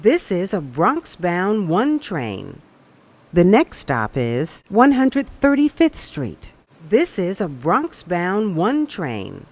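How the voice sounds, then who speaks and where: A recorded subway announcer heard over a train loudspeaker, speaking in measured, evenly spaced phrases. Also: mid-range voice, huge pitch swings, muffled recording. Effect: played over a train loudspeaker.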